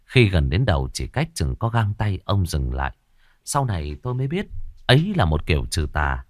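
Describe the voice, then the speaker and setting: A man narrating a horror story in a dramatic, expressive way. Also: sits low, moderate pace, no room sound, clean studio sound.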